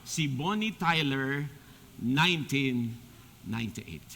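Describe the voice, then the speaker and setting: A man with a Filipino accent preaching a sermon as a deacon, joking and animated, slipping English phrases into his talk. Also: medium pitch, takes it slowly, creaky. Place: church hall. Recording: long church hall reverb.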